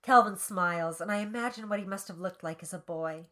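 A woman's voice: fairly low pitch, fairly quick, fairly bright tone. Wry woman reading a novel aloud. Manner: wry, swears casually. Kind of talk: dramatic reading with comic commentary.

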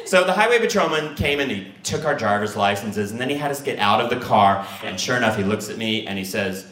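A man telling a personal true story in an animated, excitable way. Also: brisk, roomy sound. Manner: animated, excitable, acts out quotes with big pitch jumps.

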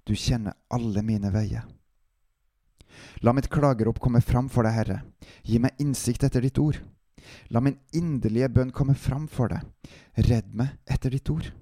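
Dark, dry-voiced man reading scripture. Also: mid-range voice, dry recording. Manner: calm, steady scripture reading. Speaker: devotional podcast host. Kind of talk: Bible reading and devotional.

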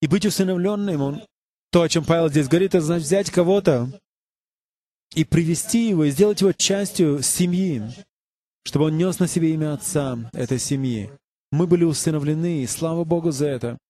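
A man's voice: on the high side, brisk, mellow. A man preaching a sermon, earnestly asking the congregation questions. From United States.

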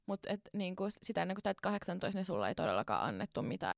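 A woman's voice: on the low side, big pitch swings, vocal fry, no echo, clean studio sound. A woman in her twenties in casual chat, reacting with short interjections and laughs.

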